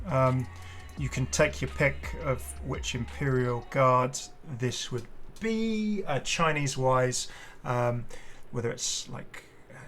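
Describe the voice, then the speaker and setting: A man's mid-range voice, pushed and bright, carries casual game showcase commentary for a gaming video. He's chatty and enthusiastic, wandering into rambling asides while music plays in the background.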